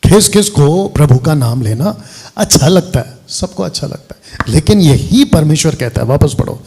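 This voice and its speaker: A man's voice: on the high side, lively intonation, moderate pace, mellow, breathy edge. A man preaching a sermon as pastor, directive, often breaking off to give instructions. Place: church hall.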